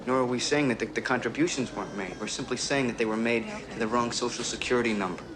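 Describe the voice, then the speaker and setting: A halting, apologetic office clerk who breaks bad news with care. His voice sits in a middle register. It comes through a worn tape copy, thick with steady hiss. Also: mid-range voice. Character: hesitant male benefits clerk delivering bad news. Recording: hissy worn videotape film clip.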